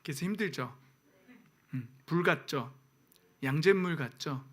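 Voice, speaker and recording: A male pastor preaching a sermon, asking the congregation rhetorical questions and swinging between loud exhortation and hushed, near-whispered lines. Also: a little high, expressive, unhurried.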